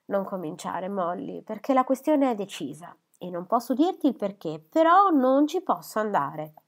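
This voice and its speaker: A woman voicing a lively, impulsive young woman in a storybook reading, eager and quick to brighten. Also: mid-range voice.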